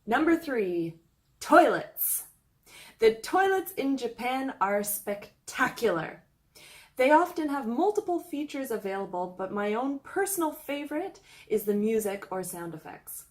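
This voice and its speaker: A woman's voice: a little high, big pitch swings, measured pace. A young woman from Canada narrating a scripted travel vlog, reading out a countdown list in an upbeat, explanatory way. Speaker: travel vlogger.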